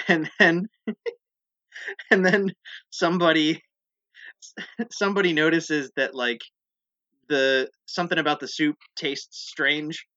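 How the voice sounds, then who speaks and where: A man's voice: fairly high pitch, fairly even intonation, takes it slowly, long pauses, bright, forceful tone, dull audio. A man in casual chat, rambling through ideas, laughing often and acting out little bits.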